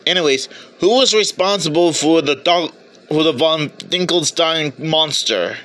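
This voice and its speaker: Bright-voiced man reviewing a movie. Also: a little high, a little slow. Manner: chatty and playful, stumbles over words. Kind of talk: casual video review.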